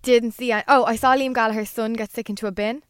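A woman's voice: a little high, steady tone, brisk, clean tone, no room sound, studio quality. A woman co-hosting a podcast, telling casual anecdotes in an informal, gushing way peppered with "like". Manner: gushing, informal, frequent "like" asides. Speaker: podcast co-host.

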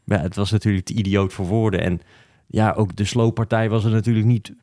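A man's voice: lowish voice, flat delivery, a little fast, warm tone, no room sound, clean studio sound. A man with a broad Utrecht Dutch accent, chatting and telling stories in a wry, colloquial way as a podcast panelist. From Utrecht, Netherlands. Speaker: podcast panelist on football history. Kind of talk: casual chat, storytelling.

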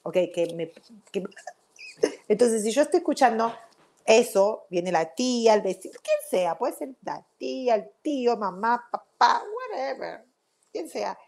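A woman giving a self-help talk to camera in an animated, chatty way that keeps checking in with the listener. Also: a little high, measured pace, creaky.

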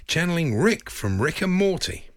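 A man's voice: a little high, big pitch swings, moderate pace, dry recording, clean studio sound. A man co-hosting a radio show, bantering casually and laughing easily. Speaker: radio co-host.

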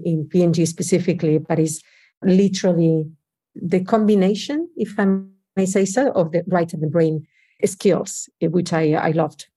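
A woman with a Spanish accent talks through her answers in an interview, circling back and restarting as she thinks. Her voice sits a little low and sounds warm and mellow. She is middle-aged or older. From Spain. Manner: reflective, frequent restarts and "you know". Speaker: guest. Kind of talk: conversational interview.

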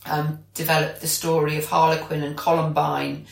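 This British podcast co-host has a gravelly, low-pitched voice with a level tone and a moderate pace. She chats casually, explaining things as she goes, in a recording that sounds roomy and echoey.

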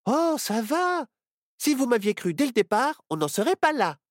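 A proud little girl witch in a storybook, bubbly and sure of herself, as a woman puts her on. Her voice sits high and leaps around in pitch. The recording is close and dry. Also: moderate pace, no room sound. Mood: complaining. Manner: lively, boastful.

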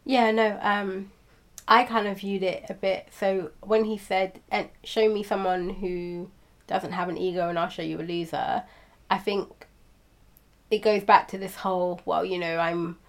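A woman's voice: mid-range voice, steady tone, unhurried. A woman in a casual philosophical chat, asking questions and weighing ideas conversationally. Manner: questioning, conversational, uses fillers.

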